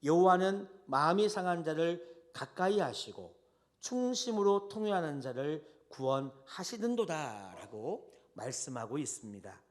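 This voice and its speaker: A man preaching a Sunday sermon as pastor, swinging between loud and soft and often addressing the congregation directly. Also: a little high, very animated, measured pace. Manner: tells stories with addresses to the congregation.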